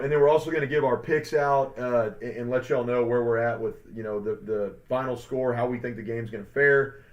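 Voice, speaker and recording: A man co-hosting a sports podcast in casual chat, rambling with lots of fillers and upbeat hype. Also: mid-range voice. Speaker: podcast co-host. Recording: dull lo-fi sound.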